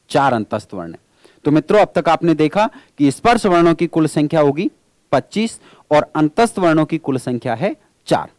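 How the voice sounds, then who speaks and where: A man delivers an exam-prep grammar lecture in a slightly high voice. He keeps asking his class questions and answering them himself, and he calls his listeners friends. The recording is close and dry. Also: dry recording. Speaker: teacher.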